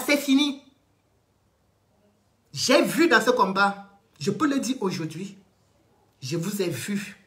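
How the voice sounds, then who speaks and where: A woman, ranting defiantly on a live stream, repeating herself and swinging from loud declarations to low muttered threats. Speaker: online commentator. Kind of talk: impassioned live-stream rant.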